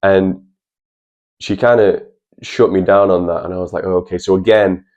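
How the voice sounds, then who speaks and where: Young man, deep and mellow, earnest chatty vlog host. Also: steady tone, normal speed, lo-fi sound. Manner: earnest, chatty, addresses viewers as lads. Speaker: channel host. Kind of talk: personal advice vlog.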